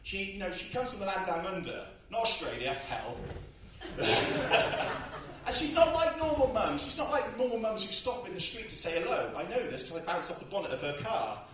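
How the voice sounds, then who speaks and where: A man's voice: sits high, very animated, moderate pace, background noise. Brash, breathless stand-up man. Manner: brash, crude, self-mocking, bursts into shouts. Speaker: stand-up comedian. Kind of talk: stand-up comedy set. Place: comedy club stage. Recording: echoey club, far from mic, loud crowd. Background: audience laughter.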